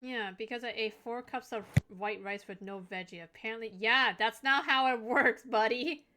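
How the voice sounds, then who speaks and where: A woman's voice: on the high side, steady tone, normal speed, background noise. A young adult woman hosting a live stream, chatting casually and teasing, laughing often. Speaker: livestream host.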